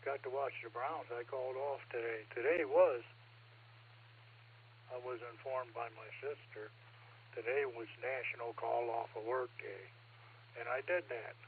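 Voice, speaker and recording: A man's voice: medium pitch, fairly even intonation, measured pace, long pauses. A man who is unwell with a cough, giving a folksy, casual check-in on an amateur radio net. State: sick with a cough. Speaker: ham radio net participant. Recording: phone-like radio signal with faint hum.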